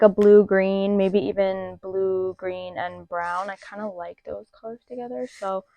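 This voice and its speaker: A woman vlogging about makeup in a chatty, expressive, rambling way, with a slight lisp. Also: mid-range voice, no room sound. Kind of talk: casual chat. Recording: dull lo-fi dry sound.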